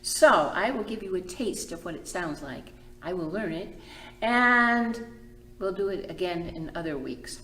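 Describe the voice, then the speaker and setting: This storytime host, a children's librarian, reads and teaches young listeners in a lowish, slightly bright voice that is expressive and a little slow. She keeps her phrases simple and draws words out, while the echoey room carries a little hiss or hum.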